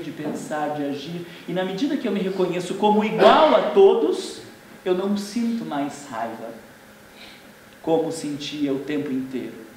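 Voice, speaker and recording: A man with a Brazilian accent giving a lively seminar talk as a spiritist lecturer, acting out everyday scenes. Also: a little high. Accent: Brazilian Portuguese. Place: indoor seminar room. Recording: very echoey room from far off, faint noise.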